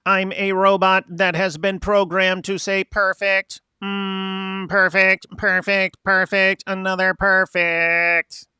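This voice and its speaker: A man's voice: high voice, completely flat delivery, pushed and bright, clear, resonant tone, no room sound, pitched above the performer's own voice, heavily acted. A man doing a stiff mechanical robot voice. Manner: slow, mechanical, repetitive delivery. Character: stiff robot, male, programmed and repetitive. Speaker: livestream host. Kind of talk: reading viewer chat aloud.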